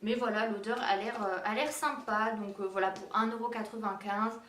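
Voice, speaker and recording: Young woman vlogger, halting casual chat, recorded far from the mic. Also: medium pitch, steady tone, a bit bright, a little hiss or hum. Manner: hesitant, many fillers. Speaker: beauty and decor vlogger. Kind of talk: casual haul video. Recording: roomy echo, distant mic.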